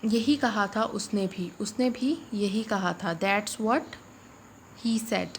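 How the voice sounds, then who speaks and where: A woman, teaching English phrases in a spoken lesson and patiently repeating each one slowly. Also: medium pitch. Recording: faint background noise.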